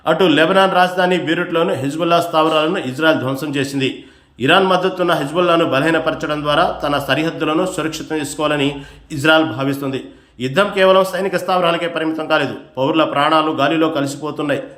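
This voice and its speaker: A man with a somewhat high, slightly bright voice reads a scripted news report at a quick pace. His formal, emphatic delivery sounds like a bulletin voice-over, and the recording is noticeably roomy and echoing.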